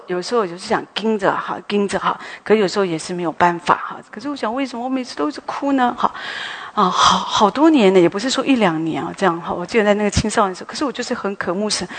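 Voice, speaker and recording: A woman preaching a sermon at a morning prayer meeting, speaking gently and conversationally with soft tag sounds at the ends of her phrases. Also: medium pitch. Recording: long echo as in a hall.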